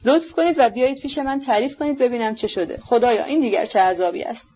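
A woman's voice: fairly high pitch, warm tone, voice pushed up, close to an everyday voice. A fretful, bossy middle-aged mother who fusses in exasperation, voiced by a woman reader in a storybook reading. The sound is dull and lo-fi. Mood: exasperated.

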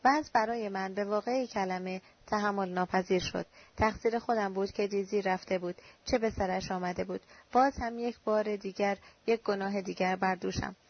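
Woman, audiobook narrator, measured steady reading, mid-pitched voice, dull lo-fi recording.

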